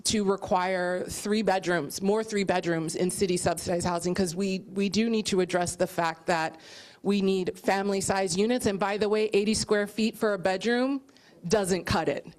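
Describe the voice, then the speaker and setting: A woman's voice: mid-range voice, steady tone, moderate pace, a little mellow. A woman council member confidently commenting on housing policy at a community meeting. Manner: confident, policy-focused, some "um"s. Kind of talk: remarks at a public meeting.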